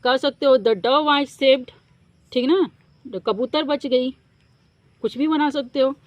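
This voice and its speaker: Higher-voiced woman teacher quizzing her class. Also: no room sound. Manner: explains slowly, repeats words and quizzes the class. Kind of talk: Hindi-English workbook lesson for young students.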